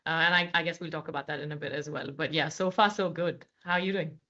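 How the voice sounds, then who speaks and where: A managing director, an Indian woman with a low, bright voice, is a guest in a conversational podcast interview. She talks fast in a steady tone, articulate yet full of fillers and restarts, and the lo-fi recording sounds slightly dull.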